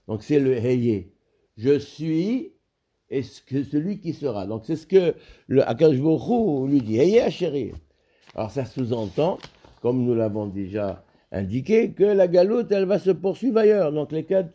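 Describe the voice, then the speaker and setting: A man's voice: on the high side, mellow. A man teaching a Torah study lesson, explaining Hebrew verses with frequent restarts and repeated words.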